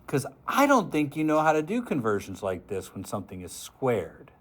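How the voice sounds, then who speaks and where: A man with a mid-range voice and wildly swooping pitch teaches a physics class at a moderate pace. Joking and chatty with his students, he works through an example, talking through the arithmetic step by step.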